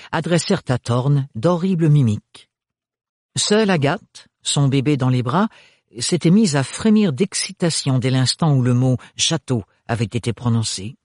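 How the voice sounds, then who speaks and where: A man narrating an audiobook in a measured, expressive reading voice, close to the mic. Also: medium pitch, no echo. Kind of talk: scripted narration.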